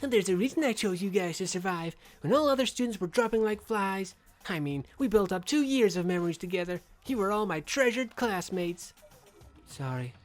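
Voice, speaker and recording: Young female game villain, acted by a woman: coldly satisfied, taunting, theatrical, wide pitch swings. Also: natural voice. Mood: mocking, gloating. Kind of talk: acted video game dialogue.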